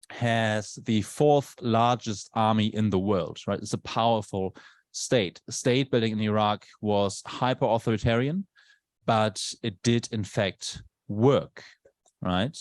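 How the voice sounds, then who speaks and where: Speaking in a lowish, somewhat dark voice with no echo, a non-native English-speaking man lectures at a university in a conversational style. He keeps checking in with his audience in the lecture room through tag questions.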